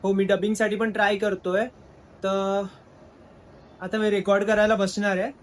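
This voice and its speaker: An aspiring actor in Mumbai chats casually in his daily vlog, holding his phone as he moves between indoors and the street. He speaks Marathi in a relaxed, chatty way, mixing in English words. His voice is high-pitched at normal speed, and the recording is rough.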